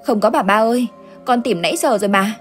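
A woman's voice: on the high side, fast talker, voice pushed up, natural voice. A frantic young village mother from a spoken ghost story, her voice raised and anxious as she pleads over her missing son, as a woman puts her on. Faint music runs beneath. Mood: panicked.

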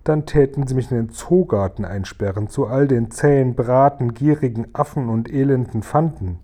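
A man voicing a gentle male giant who mumbles slowly and muddles his words, read aloud from a storybook. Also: mid-range voice, natural voice. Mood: grumbling.

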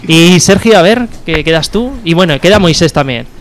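Chatty radio host, slightly high. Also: male voice, expressive, moderate pace. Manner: chatty, many fillers and restarts. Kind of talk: casual radio interview.

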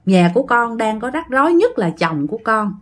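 A woman with a Southern Vietnamese accent, narrating a ghost story to her listeners in lively quoted speech. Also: on the high side, moderate pace.

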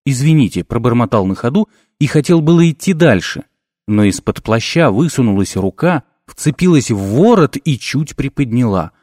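Expressive male audiobook narrator. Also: medium pitch, normal speed, no room sound, clean studio sound. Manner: expressive, lively storytelling. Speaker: audiobook reader. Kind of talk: scripted fantasy narration.

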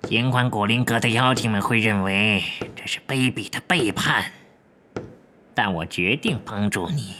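A man voicing a proud, bitter goblin with a gravelly, husky voice, slow and cold, flaring into shouts. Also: lowish voice, a little hiss or hum. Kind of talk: audiobook character voice.

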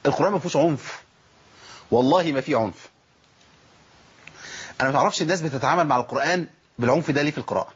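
Fast-talking Egyptian tajweed teacher. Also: male voice, fairly high pitch, breathy edge, highs cut off. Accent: Egyptian Arabic. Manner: fast, animated teaching with self-asked questions and demonstrations. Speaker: Quran recitation teacher. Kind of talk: tajweed lesson.

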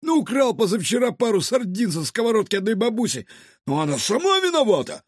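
This is a scruffy male street cat in a storybook, a petty thief full of whiny protests. The voice is very high and bouncy, with a husky edge. It is recorded dry and close. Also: sing-song, no echo, heavily acted. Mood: indignant. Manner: squealing, indignant, fast protests. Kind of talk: audiobook character voice.

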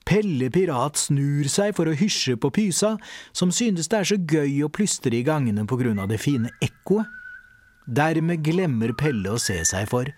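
A man's voice: fairly high pitch, no room sound. Man narrating a children's pirate story. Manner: lively storyteller, voices all the characters. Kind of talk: scripted children's audiobook narration.

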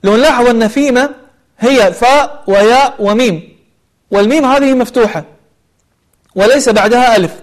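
A man teaching a tajweed lesson, explaining recitation rules and then chanting verses slowly with long drawn-out vowels. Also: very high-pitched.

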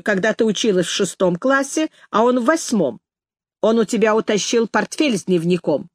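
A woman voicing a stern, tiny, gray-haired old headmistress who talks in a brisk, bossy way, in a dry recording. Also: medium pitch, no room sound, close to an everyday voice. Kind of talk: audiobook character voice.

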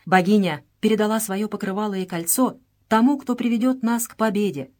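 A woman's voice: medium pitch, a little mellow, close to an everyday voice. A woman reading an audiobook voices a proud, commanding princess in a raised, solemn tone. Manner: solemn, commanding, slow-paced.

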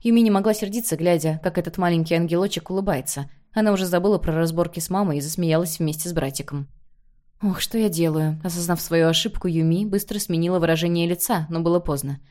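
A woman reading a novel aloud as an audiobook narrator, in measured, even storytelling. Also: lowish voice. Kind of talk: scripted narration.

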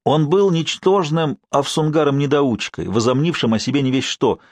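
A man narrating a fantasy audiobook in a steady, expressive reading. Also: a little high, normal speed, no room sound. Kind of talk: scripted narration.

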